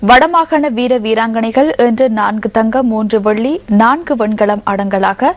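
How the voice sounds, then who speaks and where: A woman reading the news as anchor in a crisp, formal delivery. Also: fairly high pitch, normal speed, no room sound.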